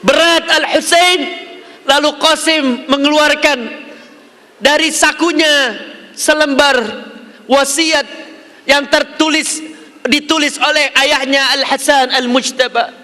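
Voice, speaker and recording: A man's voice: very high-pitched, steady tone, slow, long pauses, pushed and bright. A male preacher telling a mourning story in a fervent, emotional sermon. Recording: echoey hall reverb.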